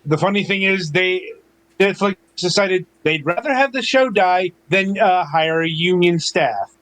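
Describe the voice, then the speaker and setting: Dry wry man with a high voice. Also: expressive, unhurried, fairly bright tone, rough recording. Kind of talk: casual chat.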